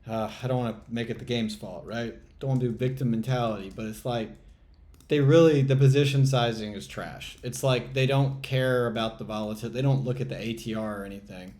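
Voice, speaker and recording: A man's voice: mid-range voice, brisk, darkish tone. Man muttering frustrated trading commentary. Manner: muttering exasperated self-talk, swearing, sighs. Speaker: trading channel host. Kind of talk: live commentary while playing a trading game.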